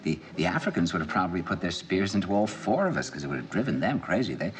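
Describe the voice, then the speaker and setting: A man's voice: deep voice, expressive, fast, a little hiss or hum. An actor playing an intense middle-aged man confiding over dinner in earnest, probing film dialogue. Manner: earnest, probing, builds to emphatic bursts.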